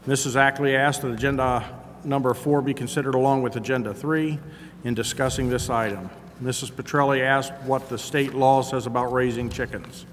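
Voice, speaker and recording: A man's voice: medium pitch, fairly even intonation, normal speed. A man in his fifties, a town councilor reading meeting minutes aloud at a desk microphone. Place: large indoor council chamber. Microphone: gooseneck desk microphone. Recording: echoey council chamber with noise.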